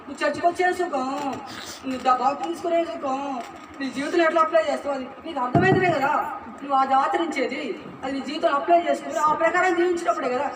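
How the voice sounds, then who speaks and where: Rich: A very high-pitched man preaches quickly in a roomy church hall. He drives his sermon with rhetorical questions and repetition. The recording is distant, echoey and noisy. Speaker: pastor.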